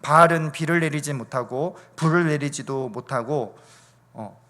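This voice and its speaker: A middle-aged male pastor preaching in a church, with a slightly high voice. He swings from loud, fervent peaks to quiet, low asides and drives his points home with repeated rhetorical questions. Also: moderate pace. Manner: repetitive rhetorical questions and refrains. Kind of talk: sermon. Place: church sanctuary.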